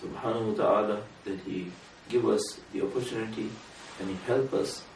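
A man giving an earnest sermon to a small gathering, speaking in a measured way that rises for emphasis. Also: fairly low pitch, steady tone, a little mellow. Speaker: religious speaker. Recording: roomy room from a distance, faint noise.

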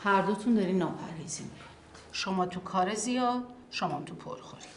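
A woman's voice: mid-range voice, a little hiss or hum, close to an everyday voice. An actress playing a matter-of-fact woman doctor scolding her patients about their habits. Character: blunt woman doctor giving advice. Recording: roomy echo.

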